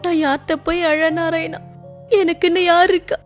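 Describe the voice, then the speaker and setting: An actress playing a gentle, mistreated young woman who speaks softly and sorrowfully in a harsh household. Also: extremely high pitch, flat delivery, moderate pace, faint music behind. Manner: soft-spoken, pleading and sorrowful. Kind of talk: period film drama acting.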